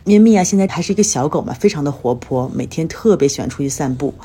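A woman's voice: low voice, lively intonation, fast, dark tone, slightly rough. A woman from China hosting a casual solo podcast, chatting and telling everyday stories while sounding a bit tired and under the weather. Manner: chatty storytelling. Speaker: podcast host. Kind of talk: casual solo life-update monologue.

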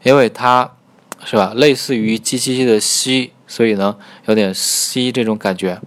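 A man teaching Korean pronunciation in a recorded lesson, patiently demonstrating sounds slowly and repeating them. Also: medium pitch, steady tone, a bit bright.

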